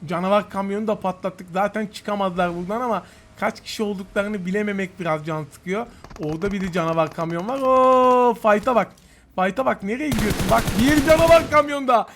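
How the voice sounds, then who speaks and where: A man rattles off quick, high-pitched commentary on his gameplay, taunting opponents and chatting with his viewers. Game gunfire and clicks crackle loudly behind his voice. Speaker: gaming YouTuber.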